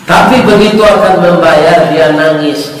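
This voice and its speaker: A middle-aged man preaching to a mosque congregation, his voice high and unhurried. He jokes with the listeners and then tells a moving story. It is recorded from far off in a big hall that echoes for a long time. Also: a little hiss or hum.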